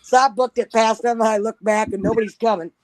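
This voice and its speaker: A woman's voice: a little high, steady tone, quick pace, a little hiss or hum. A woman telling a long, profane story in a casual chat. She laughs often and acts out the people she quotes.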